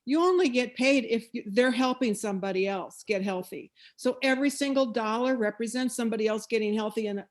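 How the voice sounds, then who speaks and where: A woman's voice: fairly high pitch, a little fast, hardly any pauses. A woman health professional and coach speaking on a group video call, conversational and explanatory with a light touch of humor. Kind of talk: casual sharing on a video call.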